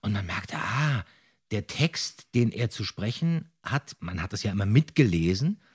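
A man's voice: on the low side, big pitch swings, normal speed, darkish tone, husky. A man, a former radio-play voice actor, reminiscing as a guest in a casual chat and sometimes acting out other speakers' lines.

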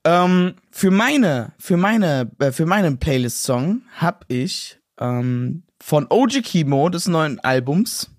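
A young man co-hosting a podcast in casual chat, slangy and excitable, acting out quotes. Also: a little high, takes it slowly, hardly any pauses, no echo, studio quality. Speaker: podcast co-host.

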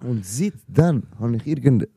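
A young man with a Swiss German accent tells a story in loose, slangy chat, calling his friend bro again and again. His voice is very dark and mellow. It sits dry and close on the mic. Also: mid-range voice, lively intonation, normal speed, creaky, slightly rough, no room sound. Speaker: podcast guest, rapper. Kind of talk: casual chat.

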